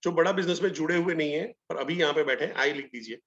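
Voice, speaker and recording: Middle-aged male trainer, higher pitched, animated storyteller, muffled lo-fi webinar audio. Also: fast talker. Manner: animated storytelling, acts out both sides of dialogues. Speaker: sales trainer. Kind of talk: live online training session.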